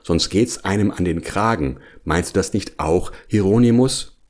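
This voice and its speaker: A man's voice: low-pitched, measured pace, a little mellow. A man voicing a plump, sly older male bear who coaxes and then sulks, in a children's storybook reading. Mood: coaxing. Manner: coaxing, later sulky and spiteful.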